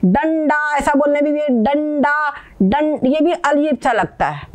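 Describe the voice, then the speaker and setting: A woman teaching Sanskrit pronunciation, patiently explaining and repeating words slowly while checking that learners follow. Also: high voice, lively intonation.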